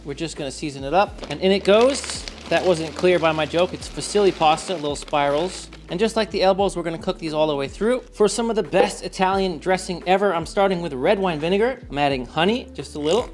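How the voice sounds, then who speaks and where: A man's voice: high-pitched, brisk, hardly any pauses, slight background noise. A man hosting a casual home cooking video, chatting to his viewers as he works. He stays upbeat and slips in jokes. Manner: upbeat, joking, talks to viewers. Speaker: cooking show host.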